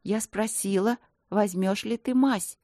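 A woman's voice: moderate pace, a little mellow, no room sound, studio quality, lightly acted. A woman voicing a chatty, impulsive young girl artist who pleads and chatters in a raised voice. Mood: chirpy. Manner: pleading, high-pitched chatter.

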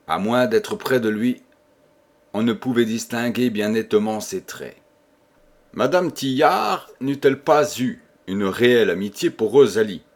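Steady male audiobook narrator. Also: mid-range voice. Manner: measured, steady reading. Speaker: audiobook reader. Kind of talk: scripted narration of a novel.

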